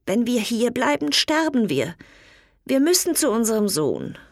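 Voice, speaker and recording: A woman voicing the knight's poor old mother, sorrowful and pleading, partly in a higher, whispery tone. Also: big pitch swings, a little slow, dry recording, clean studio sound. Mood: desperate.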